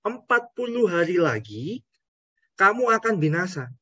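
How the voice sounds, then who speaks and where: A man's voice: high-pitched, sing-song, measured pace, sharp tone, breathy edge, no echo, lo-fi sound, pitched above the performer's own voice, full character voice. A man voicing an indignant male prophet who complains to God in an exasperated, pleading way. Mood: aggrieved.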